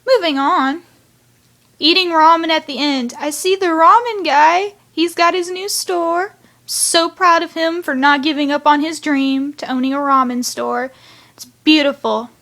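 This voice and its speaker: A woman's voice: high voice, measured pace, bright, forceful tone. A woman rambling through a casual review of a cartoon episode, chatty, with sighs and side remarks. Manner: chatty, rambling, sighing asides.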